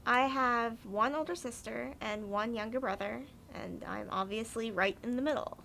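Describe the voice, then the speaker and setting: A woman's voice: on the high side, normal speed, vocal fry, background noise. An eighteen-year-old woman, a graduating homeschool student, giving candid, giggly interview answers.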